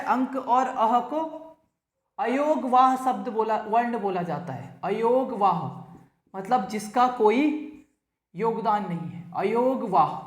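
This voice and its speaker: A man teaching a grammar lesson to exam students. He repeats key points, quizzes the listener, and draws out the vowel sounds he demonstrates. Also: extremely high pitch. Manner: drawn-out, stretched vowel demonstrations. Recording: echoey room.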